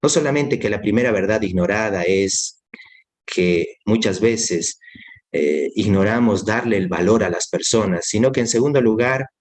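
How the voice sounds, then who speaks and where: A man preaching a sermon in earnest, repeating key phrases and speaking straight to his listener as a brother. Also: on the low side. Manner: addresses listener directly as brother.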